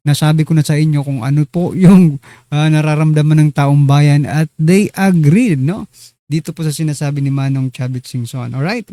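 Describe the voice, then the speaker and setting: A man's voice: on the high side, moderate pace, warm tone, dry recording. A man hosting a casual political commentary show, chatty and teasing as he talks straight to his viewers. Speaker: online news commentary host.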